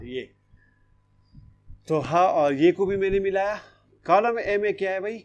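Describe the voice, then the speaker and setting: A man teaching a primary school Urdu writing lesson in an online class, slow and patient, repeating each step and checking that the children follow. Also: fairly high pitch, darkish tone. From Pakistan.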